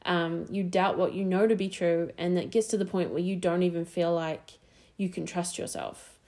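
A woman's voice: fairly low pitch, fairly even intonation, moderate pace, warm tone. A young woman with a New Zealand accent, chatting casually as a podcast host, full of fillers and restarts.

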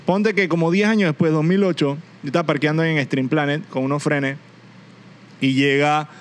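A man's voice: fairly high pitch, steady tone, normal speed. A man, a podcast co-host telling a funny story in slangy casual chat. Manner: laughs easily, slangy, quotes people in his stories.

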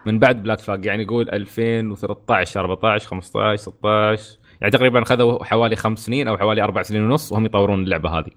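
A man with an Emirati Arabic accent, chatting on a gaming podcast, ranting in an animated way with frequent restarts. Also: on the low side, rapid-fire, few pauses. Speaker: podcast co-host. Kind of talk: casual gaming podcast chat.

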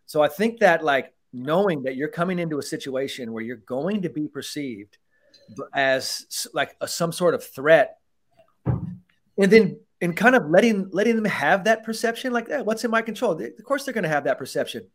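A man's voice: a little high, normal speed. A man coaching police on mental skills in a casual podcast chat, talking animatedly and swearing freely. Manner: animated, swears freely, acts out other people's lines.

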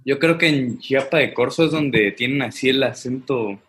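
Easygoing man, raspy voice, laughs easily in casual chat. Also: mid-range voice, moderate pace, a bit bright.

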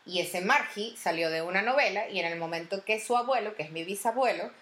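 A woman's voice: mid-range voice, a little fast, echoey room. A young Venezuelan woman hosting a casual podcast, telling stories animatedly and acting out voices. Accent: Venezuelan Spanish. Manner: animated storyteller, acts out voices in anecdotes. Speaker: podcast host.

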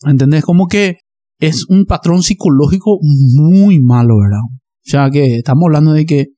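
A man's voice: fairly high pitch, normal speed, mellow, no room sound. A man, explaining a topic in a casual discussion and often checking that listeners follow. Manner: explanatory, checks in with "¿verdad?" and "¿entendés?".

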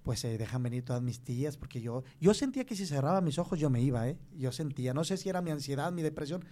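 A young Mexican man with a Mexican Spanish accent, telling a personal faith testimony in conversation, earnest and halting with many restarts. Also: on the high side, expressive, warm tone.

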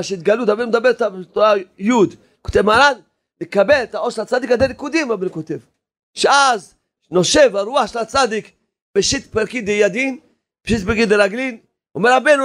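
A man preaches with rising fervor, repeating his points again and again and urging his listeners on. His voice sits high for a man, and he breaks into shouts at the peaks. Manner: impassioned, repetitive exhortation, sometimes shouting. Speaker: rabbi. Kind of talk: sermon.

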